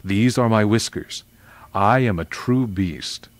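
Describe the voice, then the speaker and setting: A man voicing a majestic, wise male lion in a children's story read aloud, speaking slowly and gravely. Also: lowish voice, very animated, darkish tone. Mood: solemn. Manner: slow, grave, deliberate speech. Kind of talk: reading a children's novel aloud.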